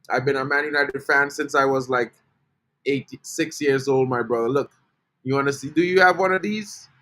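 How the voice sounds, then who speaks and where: A man from Trinidad with a high, slightly bright voice hosts a casual live-stream football fan update. He's chatty, greets his viewers in the chat, and says "bro" a lot.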